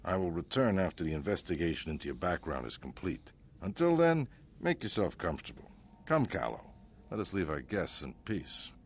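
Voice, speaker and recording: An actor playing a smooth, self-satisfied male crime boss who speaks in a grand, smug way. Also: low-pitched, sing-song, normal speed, a little hiss or hum.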